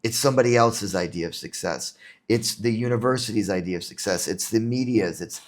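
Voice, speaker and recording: A man's voice: fairly low pitch, brisk. A man from New York, an entrepreneur talking as a podcast guest in an earnest, reflective way, often repeating words as he thinks. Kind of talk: casual interview talk.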